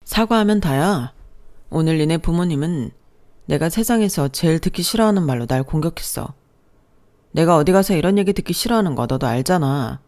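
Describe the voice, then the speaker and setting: A narrator voicing a young husband who is touchy and speaks in a resentful, accusing way. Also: male voice, on the high side, animated, brisk, a little mellow. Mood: angry.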